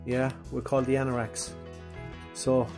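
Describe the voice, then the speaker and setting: Medium-pitched and creaky, this man's voice moves at normal speed over background music. He's a restoration vlogger doing easygoing how-to narration in his garage workshop, musing aloud while working and calling viewers "guys."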